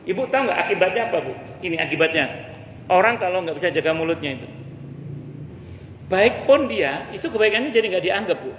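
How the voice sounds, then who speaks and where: Man, chatty preacher, slightly high voice, long hall reverb. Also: animated, brisk, fairly bright tone, lo-fi sound, a little hiss or hum. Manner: conversational, humorous, addresses the ladies directly. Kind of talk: mosque study lecture. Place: mosque hall. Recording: echoey hall with faint ambience.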